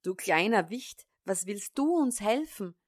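A woman voicing two wary male thieves in a storybook reading, hushed and furtive. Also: medium pitch, lively intonation, a little slow, no room sound, clean studio sound.

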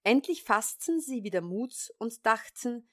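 A woman reads a fairy tale in a calm, measured way. She takes her time with every phrase, unhurried throughout. The voice is close and dry with no room around it. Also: a little high, dry recording. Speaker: storyteller.

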